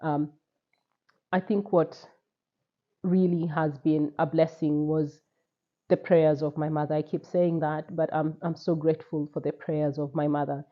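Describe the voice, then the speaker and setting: A Kenyan woman in her forties sharing a personal faith testimony, reflective and measured, with frequent pauses and repeated words. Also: sits low, flat delivery, muffled recording. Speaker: testimony speaker.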